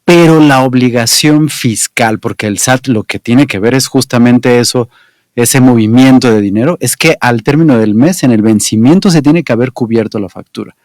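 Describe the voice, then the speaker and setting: A man's voice: medium pitch, moderate pace, darkish tone, no room sound. Male host, agreeable interviewer, dry recording. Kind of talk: conversational interview.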